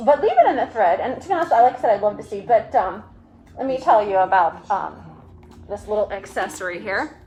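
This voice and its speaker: A woman's voice: medium pitch, expressive, fairly quick, mellow, low-quality recording. A woman hosting a casual live video chat through a mask and face shield, rambling along with jokey asides. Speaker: livestream host.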